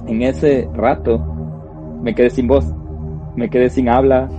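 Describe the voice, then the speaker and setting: A man tells a personal ghost story to podcast listeners, slowly and with suspense. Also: medium pitch, flat delivery. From Ecuador. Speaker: podcast co-host. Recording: dull lo-fi sound with faint music.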